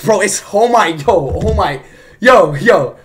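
A young man talks into a headset from a small room, his voice very high and jumping all over the place. He is excitable, yelps and shouts, and swears through loose, casual chat. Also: slow pace, a little hiss or hum. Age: young adult. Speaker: streamer. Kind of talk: loud casual chat on a live video call. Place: small room indoors at a desk. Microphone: headset mic.

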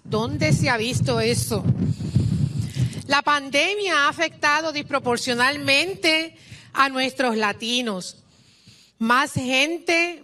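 A rally speaker from Puerto Rico, a middle-aged woman with a Puerto Rican Spanish accent, delivers a fervent political speech into an outdoor podium mic and urges the crowd on. Her voice is high, and the background is noisy.

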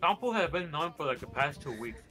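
A man's voice: on the high side, very animated, quick pace, over music. A young man in a game voice chat, griping and mocking his friends with heavy swearing. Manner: gripey, mocking, swears often. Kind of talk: casual gaming chat.

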